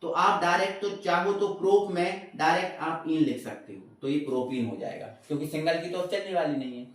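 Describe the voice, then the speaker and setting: A man's voice: on the high side, a little fast, recorded from a distance. Echoey, off-mic chemistry teacher man. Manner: repeats questions and answers them himself, addresses students as beta and bhaiya; reassuring, tells students not to worry. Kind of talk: informal classroom-style lesson.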